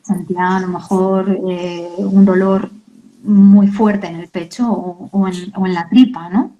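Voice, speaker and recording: Woman, interview guest, earnest, halting, warm mellow tone. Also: mid-range voice, steady tone, highs cut off. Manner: earnest, halting, many tag questions. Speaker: author and guest. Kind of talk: emotional interview talk.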